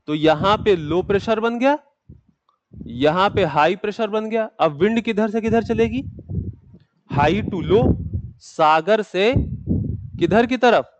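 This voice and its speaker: A man's voice: sits high, slow pace, pauses often, dry recording, dull audio. A man teaching a geography class, asking his students questions and answering them himself, then dictating notes. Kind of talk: classroom lecture.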